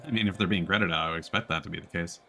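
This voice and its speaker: Low-pitched and racing, this man's voice has vocal fry and a pushed, bright edge, with soft music playing behind him. He's streaming a video game on a close mic, giving casual live commentary full of slang and chuckling through his remarks.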